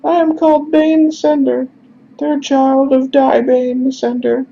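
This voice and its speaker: A squeaky overly polite messenger. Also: male voice, little pitch movement, unhurried, creaky, warm tone, dull audio, full character voice. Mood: pleading courtesy. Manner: overly courteous, flowery. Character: high-voiced polite male messenger, anxious.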